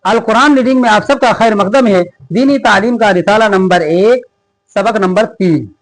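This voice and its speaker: High-voiced man teaching a reading lesson. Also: poor audio. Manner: reads text slowly, then explains quickly. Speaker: religious teacher. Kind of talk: reading lesson aloud with explanations.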